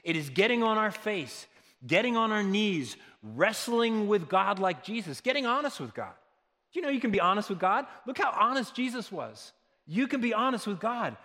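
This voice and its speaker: High-voiced man preaching in a reverberant hall. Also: sing-song, normal speed. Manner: earnest, swings from loud emphasis to soft, hushed lines. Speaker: pastor. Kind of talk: sermon. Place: church.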